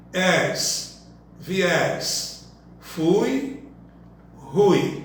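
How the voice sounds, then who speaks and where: A man giving a slow lesson, listing example words one by one and explaining each. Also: on the high side, a bit bright. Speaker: workshop teacher. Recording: echoey room from far off, faint noise.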